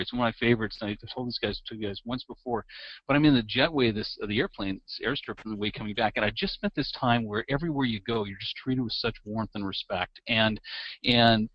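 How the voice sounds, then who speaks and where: A man hosting a podcast, telling a story with lively, laughing enthusiasm. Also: on the low side, no room sound. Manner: lively, laughing anecdotal delivery. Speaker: podcast host. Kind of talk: animated storytelling in interview. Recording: dull, slightly lo-fi dry sound.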